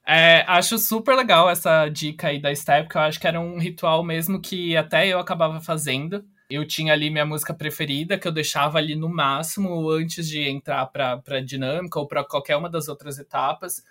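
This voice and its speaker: Bright-voiced young Brazilian man giving tips. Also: a little high, steady tone, brisk, few pauses. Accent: Brazilian Portuguese. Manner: earnest, explanatory, giving tips. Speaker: company trainee, interviewee. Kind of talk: casual interview answers.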